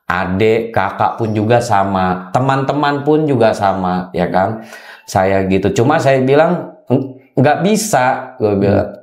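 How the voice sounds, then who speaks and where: A man's voice: lowish voice, animated, unhurried, a little mellow. A man telling his story as an interview guest, hesitant, with many fillers and tag questions. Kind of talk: casual testimony interview. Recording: roomy echo.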